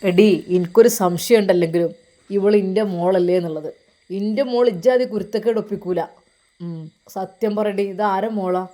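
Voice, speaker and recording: A woman voicing an angry, stern middle-aged father who shouts accusations and threats. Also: mid-range voice, quick pace, voice pushed down, natural voice. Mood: furious.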